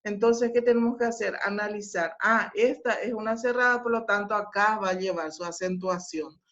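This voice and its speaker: A woman's voice: medium pitch, a bit bright. A woman teacher giving a patient class over a video call, often checking that her students follow along. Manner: slow, patient explaining with frequent filler sounds and checks. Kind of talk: online class lecture. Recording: dull lo-fi audio.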